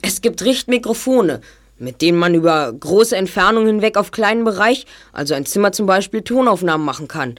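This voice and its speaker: A man's voice: sits high, animated, a little fast. A teenage boy detective in a children's audio drama. He is clever and sure of himself. He sets out each deduction in precise, orderly phrases. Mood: explanatory.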